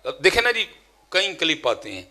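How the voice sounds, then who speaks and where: A man's voice: a little high, sing-song, reverberant. A man, ranting like a preacher and taunting a rival with challenges. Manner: taunting, rising to shouted challenges. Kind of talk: combative sermon-style rant.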